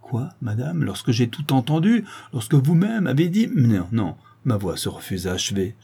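A man's voice: medium pitch, big pitch swings, normal speed, creaky, mellow, slightly rough, exaggerated voice. A man voicing a stern, solemn young nobleman. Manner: cold, restrained, solemn. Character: grave, stern young nobleman, a shamed son. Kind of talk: audiobook reading.

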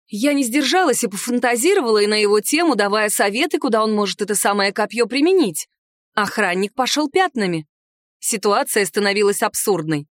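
A woman giving expressive first-person narration of a novel as an audiobook reader. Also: medium pitch, no room sound, studio quality.

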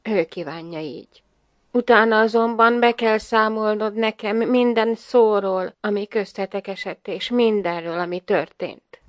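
A woman's voice: medium pitch, fairly even intonation, dry recording, lightly acted. A woman voicing a proud, insistent noblewoman in an audiobook, recorded dry and close. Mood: subdued. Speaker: voice actor in audiobook. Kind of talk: audiobook dialogue reading.

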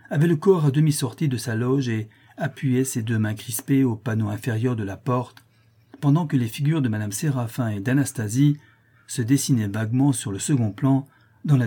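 A man narrating a classic novel in a measured, theatrical reading. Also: mid-range voice, warm tone, breathy edge. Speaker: audiobook narrator.

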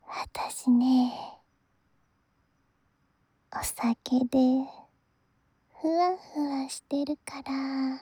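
A woman plays a tipsy, clingy big sister in a whispered role-play of pillow talk. Her voice is high and girlish, soft and breathy. She speaks very slowly and drowsily, coaxing, very close to a dry microphone. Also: steady tone, no room sound. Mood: tipsy, tender. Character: drunk, clingy, affectionate big sister in bed.

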